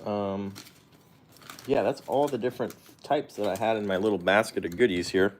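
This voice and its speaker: A man's voice: on the low side, moderate pace, a little hiss or hum. A man casually chatting on a livestream while feeding his guinea pigs, rambling and correcting himself with small chuckles. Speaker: pet vlogger.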